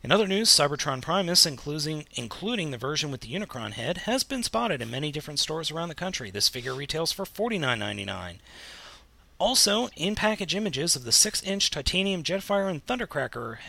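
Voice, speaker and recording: A man's voice: on the high side, very animated, fairly quick, creaky, sharp tone, dry recording. An American man co-hosting a casual podcast chat, talking in a slangy, emphatic, jokey way. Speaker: podcast co-host. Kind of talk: casual chat about toy news.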